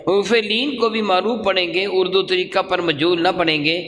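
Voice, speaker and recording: A man's voice: sits high, fairly even intonation, normal speed, fairly bright tone, slight background noise. A man teaching Quran recitation in a class, drilling sounds and asking questions, then repeating the answers. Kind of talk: classroom lesson with call and response. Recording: long hall reverb.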